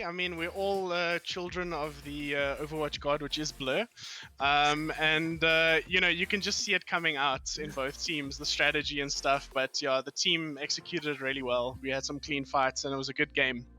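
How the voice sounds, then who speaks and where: A man answering as a player in a post-match interview over voice chat, relaxed and casual. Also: fairly high pitch, moderate pace, faint music behind. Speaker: esports player guest. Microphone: remote voice chat.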